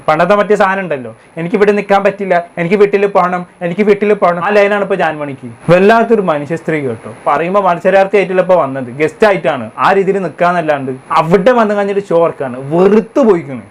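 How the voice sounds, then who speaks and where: A man hosting a casual episode review, talking in a sarcastic, scolding way. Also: sits high. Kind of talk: fast casual review commentary.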